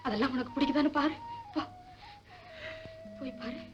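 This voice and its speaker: A woman's voice: high voice, moderate pace, noisy background, lightly acted. Actress as an older doting mother in an old film. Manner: doting, bossy, shooing. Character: older mother fussing over her son-in-law before a wedding. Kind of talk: 1960s Tamil film acting. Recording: dull old film soundtrack with music.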